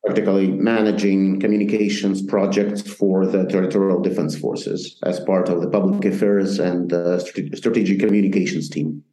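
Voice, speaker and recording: A middle-aged man with a Ukrainian accent, speaking haltingly and matter-of-factly as a guest in a remote interview from a shelter. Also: sits low, level tone, mellow. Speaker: interview guest, soldier and communications manager. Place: bomb shelter. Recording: roomy, echoing remote connection.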